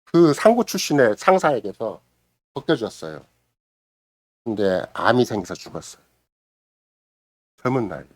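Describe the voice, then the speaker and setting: Middle-aged man, pastor, sermon, wildly swooping voice, close and dry sound, booming then hushed. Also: no echo. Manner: preaches with sweeping swings between loud exclamation and hushed near-whisper; acts out quoted voices and prayers dramatically. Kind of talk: Sunday morning sermon. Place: church sanctuary.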